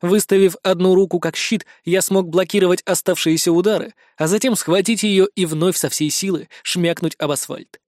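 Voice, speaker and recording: A man's voice: sits high, fairly even intonation, moderate pace, few pauses, darkish tone, dry recording, studio quality. Man narrating an action audiobook. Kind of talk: first-person fiction narration.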